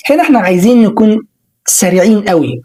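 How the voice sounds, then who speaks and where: A woman with an Egyptian Arabic accent leads an online English pronunciation lesson at a mid-range pitch. She stretches out each model word and repeats it so listeners can say it after her. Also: animated, warm tone, low-quality recording. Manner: models sounds slowly and repeats words for learners to copy.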